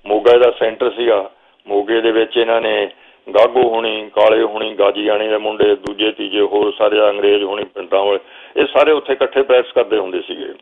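A man's voice: lowish voice, fairly even intonation. Older man, Punjabi accent, reminiscing storyteller, thin phone-like audio. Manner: slow reminiscing storyteller, quotes himself calling instructions. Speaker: guest. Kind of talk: storytelling interview. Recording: phone-like narrow sound.

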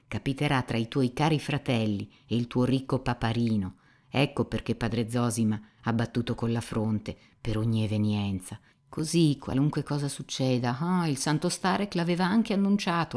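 A woman's voice: extremely low pitch, darkish tone. A woman voicing a cynical, gossipy young male seminarian who mocks and insinuates, in an audiobook reading. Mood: mocking. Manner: mocking, insinuating, talkative.

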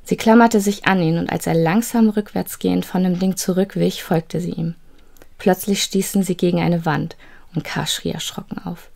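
A woman narrating a children's fantasy story in a steady, suspenseful storytelling manner. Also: on the low side, moderate pace, vocal fry.

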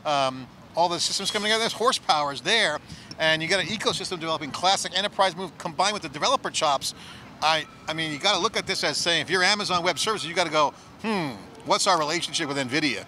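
A middle-aged man hosting an on-site tech analysis chat outdoors with a handheld mic, talking in a rapid, enthusiastic, riffing way. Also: a little high, sharp tone, a little hiss or hum. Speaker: tech show host. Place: outdoor plaza at a conference.

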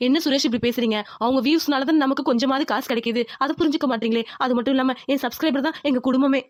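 A woman's voice: sits high, rapid-fire, no echo, studio quality, lightly acted. Woman voicing a bold, demanding young wife. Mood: insistent. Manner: loud, insistent, nagging. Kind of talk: cartoon voice acting.

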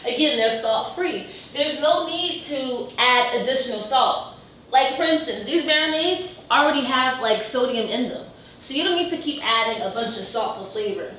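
A young woman talks casually through her kitchen items as a fitness vlogger, upbeat and peppered with "you know" and "like". Her voice sits a little high. It is caught from a few meters off by a camera mic, so it sounds distant and echoey, with faint room noise behind. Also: animated, moderate pace, a bit bright. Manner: chatty and upbeat, many fillers like "you know" and "like". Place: home kitchen, indoors. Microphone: camera mic from a few meters away.

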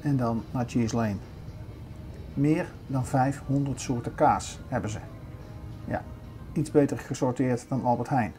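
An older man talks his viewers around a big indoor supermarket, chatty and easygoing as he points out the aisles. His voice is mellow and dark. Faint music plays in the background. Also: medium pitch, a little slow, long pauses. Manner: chatty, showing things around as he walks. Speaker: vlogger. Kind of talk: casual shopping vlog narration.

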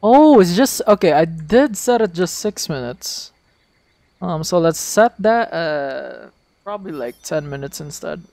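A man streaming a game, chatting casually and excitably, swearing freely as he talks to his viewers. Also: a little high, a little slow, creaky, no room sound. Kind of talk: casual live-stream chat.

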